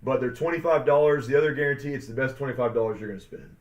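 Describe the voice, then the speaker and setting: A man's voice: medium pitch, very fast. A man co-hosting a sports podcast in casual chat, rambling with lots of fillers and upbeat hype. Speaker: podcast co-host. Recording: dull lo-fi sound.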